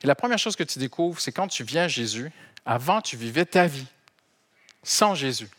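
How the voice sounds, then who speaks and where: A middle-aged man from Canada with a Canadian French accent, preaching a sermon to his congregation in an animated, conversational and humorous way. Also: medium pitch, moderate pace. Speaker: pastor. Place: church hall.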